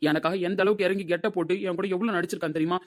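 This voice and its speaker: Casting: a man as a bitter young lover, rapid shouted rebukes, slightly high voice. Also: fairly even intonation, lightly acted. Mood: bitter anger. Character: angry young man hurt in love.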